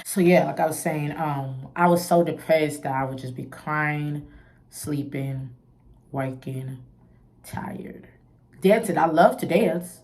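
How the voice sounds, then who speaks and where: A young woman talking candidly to her viewers in a casual vlog. Her voice sits a little low, and she moves from soft, almost hushed reflection to lively laughing outbursts, tossing in "you feel me" as she goes. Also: takes it slowly. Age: young adult. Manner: candid, expressive, peppers talk with "you feel me"; swings between soft low musing and bright laughing outbursts. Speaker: vlogger. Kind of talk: casual personal vlog talk.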